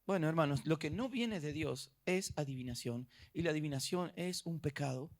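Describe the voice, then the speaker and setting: A middle-aged man with an Argentine accent preaching a sermon, dramatic, going from soft asides to loud emphatic bursts. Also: fairly high pitch, normal speed. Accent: Argentine Spanish. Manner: animated preaching, acting out little dialogues, swinging from soft to loud. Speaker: pastor.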